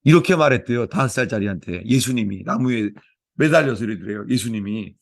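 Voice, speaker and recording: Male pastor, sermon delivery, earnest storyteller, medium pitch, dry close sound. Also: lively intonation, a little fast, vocal fry, no room sound. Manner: earnest, storytelling, many repetitions. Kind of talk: sermon with opening prayer.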